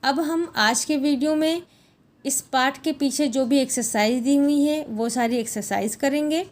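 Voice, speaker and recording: A woman teaching Sanskrit, working through textbook exercises and glossing each word slowly and patiently. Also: high voice.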